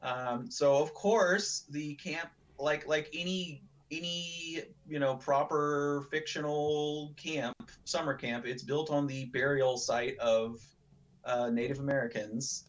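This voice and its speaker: A man's voice: a little high, fairly even intonation, slow, highs cut off. A man giving casual, rambling commentary over a video game, full of fillers and the odd swear. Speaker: let's play commentator. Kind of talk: casual gameplay chat.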